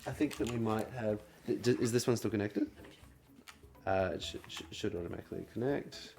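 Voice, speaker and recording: A man's voice: fairly low pitch, fairly quick, darkish tone. A man co-hosting a casual gaming livestream, jokey, often stammering and repeating words. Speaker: livestream co-host.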